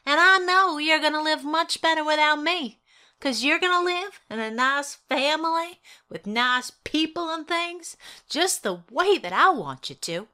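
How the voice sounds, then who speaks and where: A woman's voice: high voice, lively intonation, unhurried, bright, forceful tone, voice pushed up, full character voice. Woman playing a pleading troubled mother. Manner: pleading, earnest. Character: troubled young mother giving up her child.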